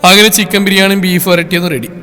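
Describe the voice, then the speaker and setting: A man, telling a story in a plain, steady way. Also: high voice, fast. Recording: echoey room with faint music.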